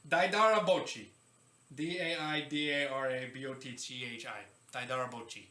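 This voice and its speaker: In an echoey room with faint noise behind him, a man hosts a podcast in a mid-range, sharp-toned voice at normal speed with fairly even intonation. His informal, joking explainer style falters on unfamiliar names.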